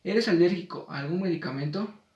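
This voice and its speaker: A man with a somewhat high voice reads a spelling lesson in a measured way. He slows down for the example words. He sounds a little off the mic, in an echoey room. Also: a little mellow, far from the mic, lo-fi sound. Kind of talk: reading a spelling lesson aloud.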